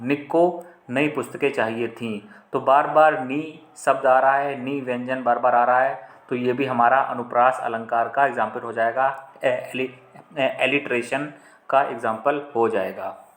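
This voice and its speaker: A man's voice: medium pitch, steady tone, measured pace, a bit bright. A man teaches exam vocabulary, explaining step by step and repeating terms, with frequent fillers and restarts. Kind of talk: Hindi lesson explaining English vocabulary questions. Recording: roomy echo.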